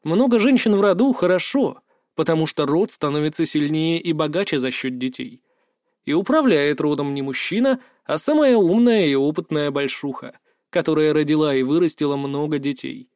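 A man reading a first-person fantasy audiobook aloud, with measured pacing and lively rises in pitch. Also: no echo, studio quality. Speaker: audiobook narrator.

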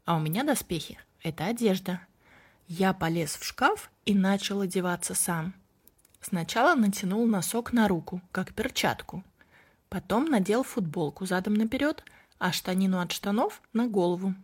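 A woman reading a children's story aloud in a gentle, even way, telling it as a small boy. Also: medium pitch, normal speed, slightly rough. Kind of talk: storybook narration in first person as a small boy.

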